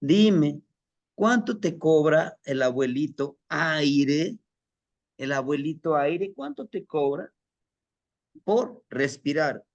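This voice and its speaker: A man's voice: fairly high pitch, animated, slow, muffled recording. A man voicing an old healer father who patiently questions his son. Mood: patient questioning.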